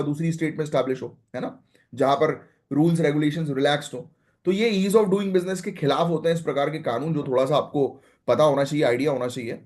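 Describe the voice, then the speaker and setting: A young man giving an exam-prep current affairs lesson. His voice sits a touch high for a man. He talks loosely and directly, often checking in with his listeners. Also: a little mellow. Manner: conversational Hindi-English mix, frequent "है ना?" and "ठीक है"; direct, advising students what to note.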